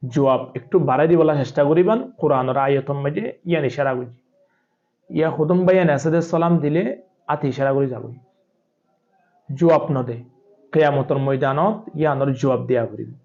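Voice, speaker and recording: A man's voice: mid-range voice, normal speed, darkish tone. Chittagonian Bengali male preacher, dull lo-fi sound. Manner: explains point by point, reciting Arabic quotations. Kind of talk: Islamic sermon, teaching hadith. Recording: dull lo-fi sermon recording.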